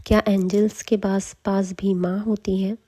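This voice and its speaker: A woman's voice: mid-range voice, little pitch movement, unhurried, mellow, natural voice. A woman reading a stunned young dragon slayer. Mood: bewildered. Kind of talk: storytelling recap.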